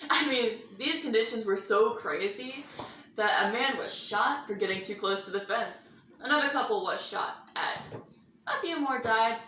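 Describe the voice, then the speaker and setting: Sharp in tone and medium in pitch, a woman reads a pretend 1950s bulletin as anchor of a student-style mock newscast, theatrical and sarcastic. She's recorded away from the mic in a roomy room, with echo and faint noise.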